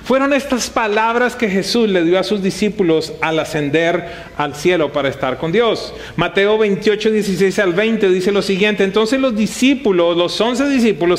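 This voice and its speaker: A male pastor preaching a sermon to his congregation, talking in a conversational way and throwing rhetorical questions at the room. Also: high-pitched.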